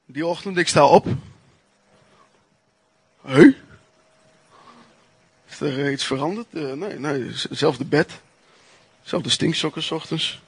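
A man preaching a sermon, telling his own testimony in an earnest, emphatic way with pauses and restarts. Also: fairly high pitch, fairly bright tone, breathy edge, no room sound.

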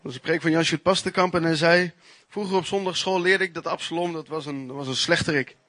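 Man preaching, earnest and emphatic, slightly high voice, dry close sound. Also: fairly even intonation, a bit bright, dry recording. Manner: earnest, emphatic, with pauses and restarts. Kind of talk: sermon with personal testimony.

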